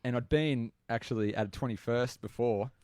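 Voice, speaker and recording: A man's voice: mid-range voice, normal speed, darkish tone, dry recording, studio quality. Rambling Australian man telling crude stories. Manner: rambling, crude, laughing storyteller. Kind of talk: casual storytelling chat.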